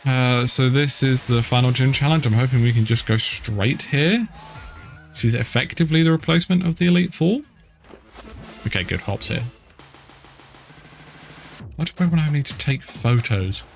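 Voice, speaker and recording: A UK gaming streamer with a mid-range voice offers casual let's-play commentary at a moderate pace, pausing often. He makes wry, grumbling asides while video game music plays behind him.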